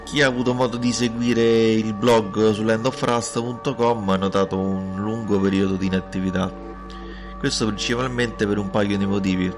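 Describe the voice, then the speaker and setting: A man with a very low voice hosts a podcast, pausing and repeating words as he goes. His audio is poor quality because it was recorded without a proper microphone, and music runs clearly beneath his talk. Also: fairly even intonation. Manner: hesitant, repeats words and trails off with fillers. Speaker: podcast host. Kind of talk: casual spoken podcast intro.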